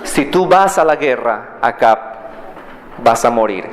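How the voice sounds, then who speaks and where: A man voicing a stern, solemn prophet who speaks gravely in a sermon retelling. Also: lively intonation, long reverb tail, slight background noise, rough recording. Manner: grave, slow, low-voiced.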